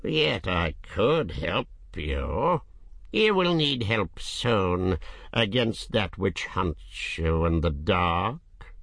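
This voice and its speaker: A man's voice: sits low, big pitch swings, creaky, fairly bright tone, no echo, full character voice. A man doing a sly, dry-voiced ancient dragon. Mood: coaxing. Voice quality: great dry voice. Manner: slow, coaxing, drawn-out words. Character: ancient cunning male dragon, huge and sly.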